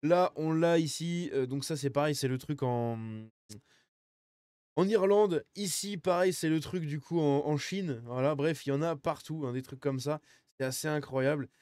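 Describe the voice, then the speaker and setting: Slangy, higher-voiced man commenting. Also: normal speed, a little mellow, no echo, clean studio sound. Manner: slangy and crude, frequent fillers; joking with laughing asides. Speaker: video commentator. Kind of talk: casual commentary on images.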